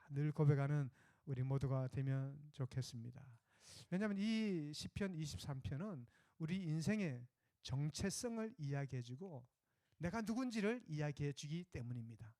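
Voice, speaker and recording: This is a male pastor delivering a Sunday sermon in a relaxed, conversational style, telling stories and pausing with small fillers. His voice is fairly high for a man, and the sound is dry and close to the mic. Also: no echo.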